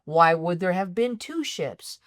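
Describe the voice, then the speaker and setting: A woman co-hosting a film podcast rants in exasperation about a movie's plot holes, her complaints animated and her voice going a bit raspy. She speaks lowish and a little slow in casual critique chat, with clean studio sound and no room sound.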